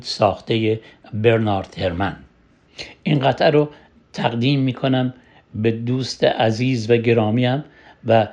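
Man, radio host, fairly low voice, formal and measured, reading scripted intros. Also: darkish tone.

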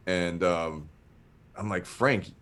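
Low and slow, this man's voice carries a long, casual, rambling story. He peppers it with swearing and performs other people's words in an animated retelling.

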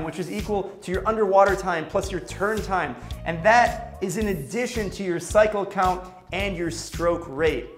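A man's voice: sits high, echoey room. A man giving an instructional video lesson as a swim coach, emphatic and instructive, repeating his key points.

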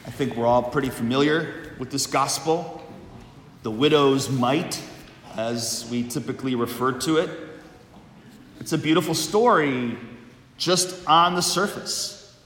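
Slow-speaking male preacher in cathedral echo. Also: medium pitch, fairly bright tone, slight background noise. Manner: measured, deliberate phrasing with pauses. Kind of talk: liturgical Gospel reading and homily. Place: large reverberant church interior. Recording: echoey church with long cathedral-like reverb.

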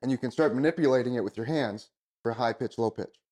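A man's voice: medium pitch, fast talker, darkish tone. A man giving casual hands-on instruction as an expert, in a plain-spoken, informal way. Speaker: goose calling expert, instructor.

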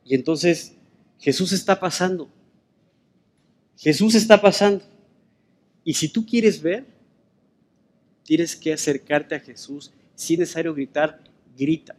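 A man preaches a sermon in a conversational tone with a notably high voice for a man. He keeps putting rhetorical questions to his listeners. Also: a little slow, pauses often, darkish tone.

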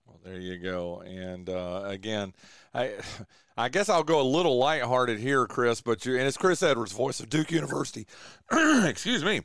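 Lively joking male sports podcast host. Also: mid-range voice, moderate pace, no echo, clean studio sound. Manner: animated, joking, says "dude" a lot. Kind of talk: casual sports chat.

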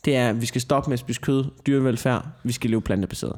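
A man's voice: mid-range voice, a little mellow. A man co-hosting a podcast, ranting and swearing his way through a heated casual chat. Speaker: podcast co-host.

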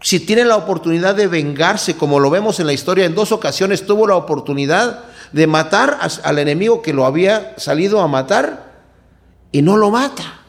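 A male preacher with a raised, gravelly voice, delivering a sermon. he talks in an animated way, firing off rhetorical questions and acting out the quotes he reads. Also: high-pitched, normal speed.

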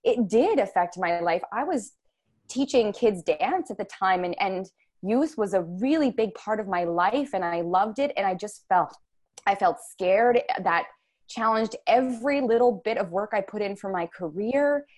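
A young woman speaking as a podcast guest in a voice of ordinary pitch. She is earnest and candid. She searches for her words and often starts her sentences over. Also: lively intonation, moderate pace, a little mellow. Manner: earnest, searching speech with many restarts. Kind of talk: candid interview conversation.

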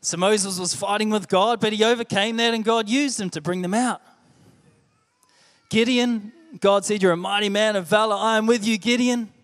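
Preaching in a church hall that lends a long echo, a young man with a New Zealand accent speaks in a high, light, fairly bright voice. His tone stays steady and his speed normal, and he talks earnestly and conversationally, repeatedly doubling back on his words.

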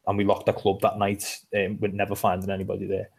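This Liverpudlian co-host from England has a low, creaky voice and talks fast in a monotone. He tells stories chattily during a relaxed podcast chat, letting the occasional swear word slip.

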